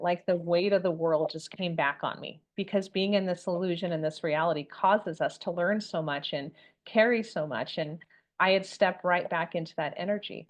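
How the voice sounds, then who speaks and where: Low-voiced woman retelling a near-death story. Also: dull audio. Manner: earnest, vivid retelling with quoted inner thoughts. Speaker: interview guest. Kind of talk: storytelling in an interview.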